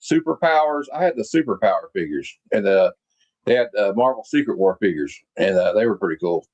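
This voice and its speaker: A man's voice: fairly low pitch, expressive, brisk, darkish tone, muffled recording. Rambling man in his late forties. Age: 40s. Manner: rambling, reminiscing with many fillers. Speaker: podcast host. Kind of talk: casual chat.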